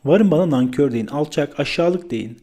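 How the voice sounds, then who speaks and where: A man reading an audiobook, voicing a feverish, bitter young man who pleads to be left alone, with a mellow tone. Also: a little high, lively intonation, moderate pace. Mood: bitter pleading. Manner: bitter, rising to pleading outbursts.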